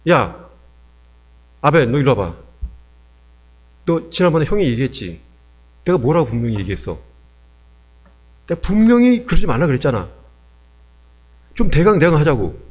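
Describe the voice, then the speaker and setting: A man's voice: on the high side, sing-song, moderate pace, pauses often, a little mellow. A man voicing an angry older brother who bullies and threatens his younger sibling. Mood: threatening. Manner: scolding, threatening, blunt.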